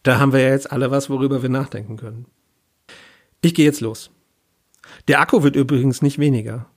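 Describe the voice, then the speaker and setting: Blunt stranded young woman, as a husky man voices her. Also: mid-range voice, steady tone, fairly quick, natural voice. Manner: blunt, casual, sarcastic.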